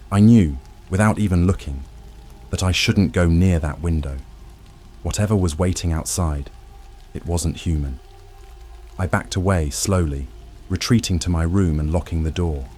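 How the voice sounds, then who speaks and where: A man narrating a first-person horror story in a scripted, tense storytelling manner with dramatic pauses. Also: deep voice, darkish tone, slight background noise.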